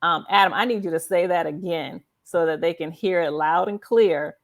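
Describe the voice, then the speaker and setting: Fairly low in pitch and at a normal speed, a woman hosts a live show interviewing authors. She keeps things casual yet emphatic, affirming her guest and restating points for listeners.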